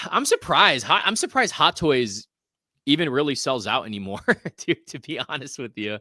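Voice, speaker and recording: A man in his forties hosts a casual live-streamed podcast about collectibles, with a bright, forceful, mid-range voice that has a sing-song lilt at a moderate pace. He jokes easily while reading viewer comments aloud. The audio is dry, close-miked, with no echo.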